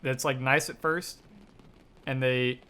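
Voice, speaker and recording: A man's voice: mid-range voice, slow, clear, resonant tone. A young man co-hosting a casual podcast chat, swearing freely and acting out the people he talks about. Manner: profane, animated, acts out quoted people mid-story. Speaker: podcast co-host.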